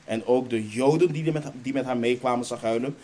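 A man's voice: medium pitch, brisk, warm tone. A man preaching a sermon in Dutch churches' style, stressing key lines emphatically, then leading a prayer.

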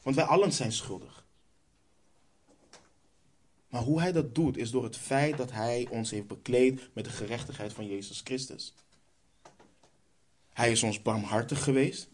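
A man's voice: medium pitch, unhurried, long pauses. A man preaching a sermon, reading Bible verses aloud and answering his own rhetorical questions.

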